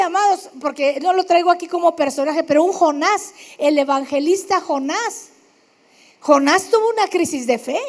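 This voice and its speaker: Very high-voiced Mexican woman preaching. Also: a little mellow. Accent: northern Mexican. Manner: emphatic, addresses listeners directly, acts out quoted voices. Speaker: pastor. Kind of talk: sermon.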